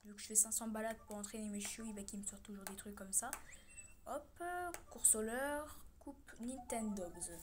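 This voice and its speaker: A young woman casually commentating her own pet game, cheering loudly at her virtual dog and swearing when she loses. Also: on the high side, normal speed, noisy background. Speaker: gaming vlogger.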